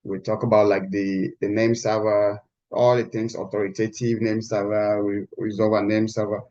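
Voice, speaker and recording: A man teaching a live online class, heard through a screen-recorded video call, talking in a halting way with many restarts. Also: lowish voice, little pitch movement, a little mellow, lo-fi sound. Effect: screen-recorded video call audio. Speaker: instructor. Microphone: computer mic on a video call.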